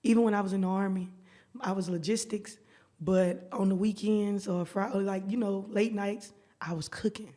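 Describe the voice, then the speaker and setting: Lively storytelling woman. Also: mid-range voice, moderate pace. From Alabama, US. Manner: lively storyteller, slangy, acts out dialogue. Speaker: guest private chef. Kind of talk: casual podcast chat.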